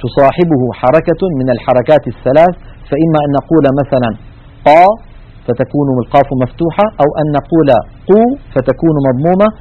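A man gives a fast, methodical lesson on Quranic recitation. He walks students through slides and spoken examples, pitched a little high. The recording is dull and lo-fi. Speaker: tajweed teacher.

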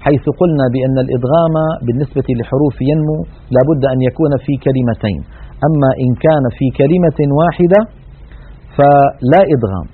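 A man teaching Quran recitation rules in a broadcast lesson, explaining in a measured way and demonstrating pronunciation. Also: medium pitch, husky. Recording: tinny band-limited broadcast audio.

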